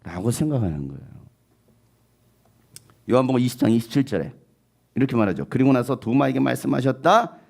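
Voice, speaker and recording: A male pastor preaching a sermon in an animated way, at times acting out the voices he quotes. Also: mid-range voice, fairly quick, creaky, long pauses.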